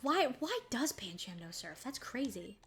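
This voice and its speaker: A woman's voice: fairly high pitch, sing-song, measured pace, soft background music. Chatty woman streamer rambling through a game. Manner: chatty, rambling, laughs often. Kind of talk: casual gaming commentary.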